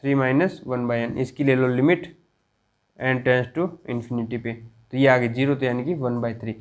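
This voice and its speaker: A man teaching a college math lecture, dictating slowly and checking in with his students often. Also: mid-range voice, fairly even intonation. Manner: slow, drawn-out dictation with frequent check-ins.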